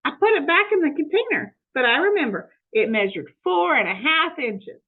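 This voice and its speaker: A woman's voice: high voice, sing-song, moderate pace, voice pushed up. A woman voicing a cheerful, literal-minded housekeeper in a storybook, earnest and innocently helpful. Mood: innocent, eager. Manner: earnest, chirpy, matter-of-fact. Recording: muffled narrow phone-like audio.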